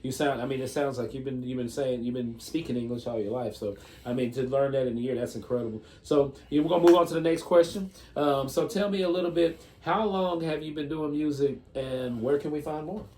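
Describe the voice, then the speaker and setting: Mellow man interviewer, roomy and distant. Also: medium pitch, fairly even intonation, fairly quick, hardly any pauses. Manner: affirming, rambling with restarts. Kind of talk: casual interview. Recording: roomy, distant mic with background hum.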